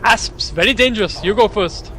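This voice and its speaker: A British man co-commentates on a let's play, bantering casually over the gameplay and tossing in wry, jokey asides. His voice sits high and moves at a moderate pace, with video game sound clearly audible behind him.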